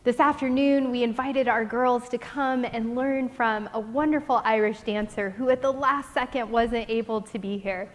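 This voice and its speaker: A woman's voice: on the high side, fairly even intonation, normal speed, few pauses. A woman presenting at a church event, introducing performers to an audience. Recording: long hall reverb.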